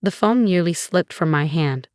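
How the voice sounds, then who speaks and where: A woman narrating a first-person story in an even, measured way. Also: lowish voice, dry recording, studio quality.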